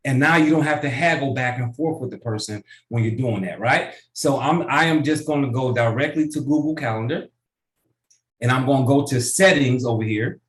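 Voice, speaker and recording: A man coaching a business group through a software tutorial on a video call, casual and often checking in with "right?". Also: medium pitch, normal speed, echoey room. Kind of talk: online tutorial training.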